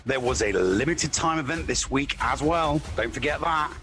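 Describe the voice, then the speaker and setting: A man's voice: medium pitch, lively intonation, normal speed, a bit bright, faint music behind. A man co-hosting a gaming podcast in chatty, emphatic speech, often repeating words for stress. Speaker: podcast co-host. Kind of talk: upbeat gaming podcast chat.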